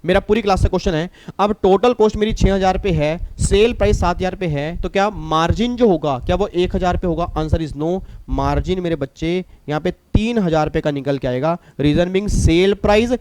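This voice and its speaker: A middle-aged man with an Indian accent teaching a tax class, lively, repeating his points and teasing students. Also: sits high, a little fast, few pauses. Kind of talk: recorded classroom lecture.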